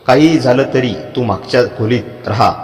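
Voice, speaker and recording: Calm, protective old father-in-law, read by a man. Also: mid-range voice, normal speed, in a large hall, lightly acted. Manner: calm, steady, soft-spoken.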